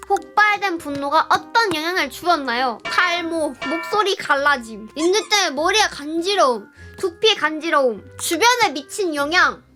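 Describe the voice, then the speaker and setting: A young woman streamer with a very high voice reads workbook questions aloud and snaps back at them in a sarcastic, irritable tone, now and then breaking into loud yelling. Her voice sounds bright and sharp, and faint music plays quietly behind her. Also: animated, moderate pace, hardly any pauses. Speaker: live streamer. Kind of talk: reading a workbook aloud with grumbling commentary.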